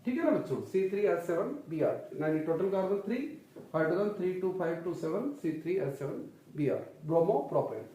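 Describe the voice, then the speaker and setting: Speaking a little fast with big pitch swings, this man has a high, dark-toned voice as he teaches chemistry. He quizzes the class over and over and calls them "children" and "son," while the distant mic picks him up off-axis in a very echoey room.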